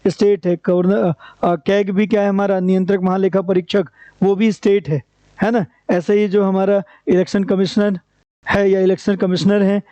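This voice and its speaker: A man delivers an exam-prep lecture, asking rhetorical questions and answering them himself in a repetitive, drilling way. His high-sitting voice is dark and flat at a moderate pace, in a dry, dull lo-fi recording with no echo.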